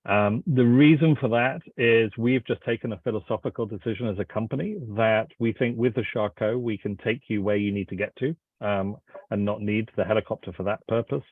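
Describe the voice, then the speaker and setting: Man, company representative, slightly low voice, hesitant phrasing, thin telephone-band sound. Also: no echo. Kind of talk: informal presentation answering questions. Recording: thin phone-like line.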